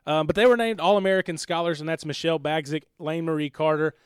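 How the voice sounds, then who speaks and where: Upbeat, smooth-voiced podcast host man. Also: fairly high pitch, steady tone, fast talker, no room sound, clean studio sound. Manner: upbeat, chatty, laughs easily. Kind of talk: casual podcast chat. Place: studio.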